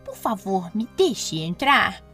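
Wheedling old crone voiced by a woman, sweetly sinister, lively pitch, soft music behind. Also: takes it slowly, exaggerated voice. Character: wicked queen disguised as old woman. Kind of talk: storybook reading.

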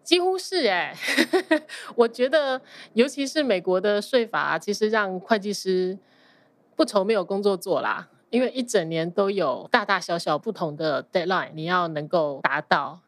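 A woman's voice: medium pitch, animated, moderate pace, no echo. Taiwanese-accented woman chatting, close dry sound. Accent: Taiwanese Mandarin. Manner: mixes English words into Mandarin speech. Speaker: podcast guest, accountant. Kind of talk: casual conversational interview.

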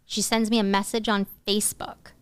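A woman in her thirties, a podcast guest, telling a personal story in a lively, quick way. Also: medium pitch, clean tone, dry recording. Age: 30s. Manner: animated, quick-talking, breaks into laughs. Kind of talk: casual storytelling.

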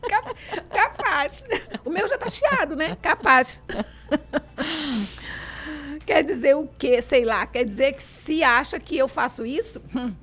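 A woman with a Minas Gerais accent reads aloud and chats in a high, sing-song voice that leaps across a wide range. She is playful and laughs often, mimicking local sayings as she goes. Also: lively intonation, slow pace, long pauses, fairly bright tone. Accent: Brazilian Portuguese from Minas Gerais. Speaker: host. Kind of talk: reading aloud and casual chat.

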